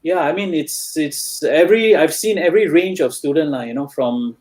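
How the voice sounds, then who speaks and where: A man's voice: fairly high pitch, normal speed, a little mellow. A man with a Singaporean English accent, a tutor being interviewed, talking in a hesitant way with many fillers and restarts. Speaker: guest tutor. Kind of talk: casual interview chat.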